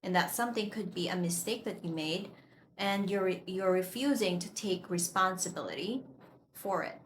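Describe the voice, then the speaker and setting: A woman teaching an English vocabulary lesson, explaining each word deliberately and clearly. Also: lowish voice. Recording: echoey room with faint noise.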